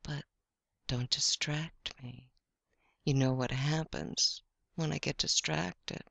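A young woman speaking in a slow, teasing, intimate way, her voice crackling with deep vocal fry. Her tone is bright and forward despite the hush, and she slips into soft whispers at times. The recording is dry and close, with no room around it. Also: steady tone, no echo.

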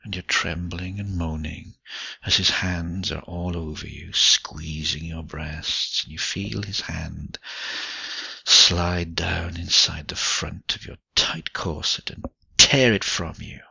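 A man telling a slow, intimate second-person story in a hushed, breathy voice that often drops to a whisper, on a dull lo-fi recording. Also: low voice, steady tone, dry recording.

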